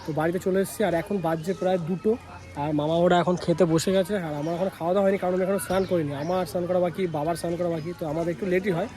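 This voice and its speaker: A man's voice: high voice, steady tone, very fast, warm tone, soft background music. A young man vlogging casually about his day at home, chatty, and teasing and bossy with a child. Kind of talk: casual vlog narration. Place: home and yard, in and out of doors.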